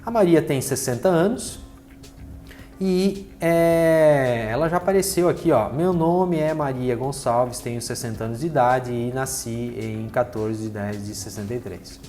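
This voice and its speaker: A man's voice: mid-range voice, unhurried, mellow, faint music behind. A man in his forties teaching a spreadsheet lesson over a screen recording, chatty, tossing in little fillers as he points at the screen. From Brazil. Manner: chatty, repeats fillers like "né" and "ó" while pointing things out. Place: small room with green backlight.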